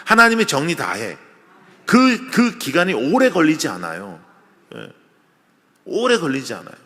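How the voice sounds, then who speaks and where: A man preaching a revival sermon in a conversational, animated way, acting out little scenes for the congregation, recorded in a large church. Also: fairly high pitch, unhurried. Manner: lively, conversational preaching with acted-out asides. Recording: long church hall reverb.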